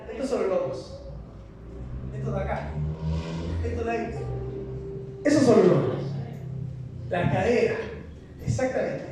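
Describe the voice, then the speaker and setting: A man preaching a passionate sermon, asking the congregation rhetorical questions. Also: high-pitched. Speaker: pastor. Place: church hall. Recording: echoey hall from far off with noise.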